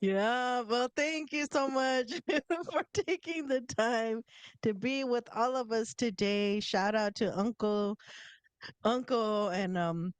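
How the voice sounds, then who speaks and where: A woman hosting a casual live interview, relaxed and giggly, filling pauses with ums. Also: on the high side, clean tone, no echo. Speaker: host.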